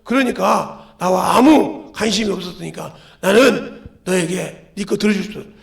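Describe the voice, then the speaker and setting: Fiery high-voiced pastor preaching, echoey hall. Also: male voice, moderate pace, vocal fry. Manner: impassioned preaching with shouted peaks and sudden hushed drops; acts out a crying child and God's voice in quoted asides. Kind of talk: sermon. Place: church sanctuary. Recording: echoey church livestream.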